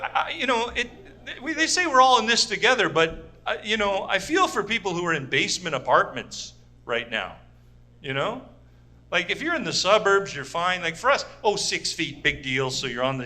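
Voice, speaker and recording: A man's voice: high voice, bright, forceful tone. A man doing a stand-up comedy set for a small audience, rambling and cutting himself off often. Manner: rambling, self-interrupting, restarts often. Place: small live audience venue.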